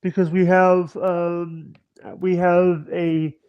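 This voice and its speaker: A man in his thirties with a high voice, talking in halting, stammering bursts full of restarts. He chats casually over a video call, and the stream audio sounds dull and lo-fi. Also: level tone, clean tone. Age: 30s. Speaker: livestream guest. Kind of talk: casual chat.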